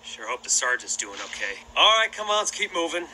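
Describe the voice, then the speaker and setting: A man voicing a stern plastic toy army sergeant who barks commands at his men in an animated war short. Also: fairly high pitch, brisk, slight background noise, full character voice, rough recording. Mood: commanding. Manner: barking commands.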